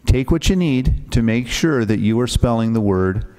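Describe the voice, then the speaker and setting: A man's voice: medium pitch, expressive, moderate pace, a little mellow. A man acting as pronouncer who patiently explains the rules to young spellers before a spelling bee, speaking into a microphone and often checking in with "okay?".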